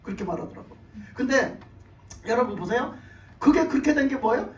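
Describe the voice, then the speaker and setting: High-voiced man preaching animatedly. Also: fairly quick, dull audio, slight background noise. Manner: animated storytelling with rhetorical questions. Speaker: pastor. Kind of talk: sermon. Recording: echoey church from far off.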